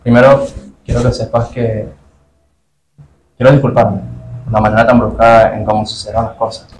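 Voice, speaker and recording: A man's voice: lowish voice, flat delivery, moderate pace, slight background noise, natural voice, low-quality recording. A man playing an earnest rich boyfriend. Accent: Venezuelan. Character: calm rich young man testing his girlfriend. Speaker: wealthy boyfriend.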